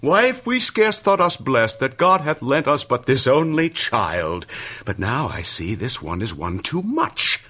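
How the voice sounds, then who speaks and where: A man's voice: mid-range voice, sing-song, measured pace, husky, heavily acted. An actor playing a furious, domineering older nobleman who blusters and threatens his daughter in classical verse. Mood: enraged. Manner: blustering, shouting threats, then cold and menacing. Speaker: actor in a stage play.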